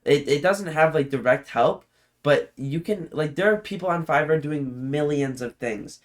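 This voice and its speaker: A man's voice: a little high, moderate pace. Rambling man reacting to a video. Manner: rambling, many filler "like"s, easily impressed. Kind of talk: casual reaction commentary.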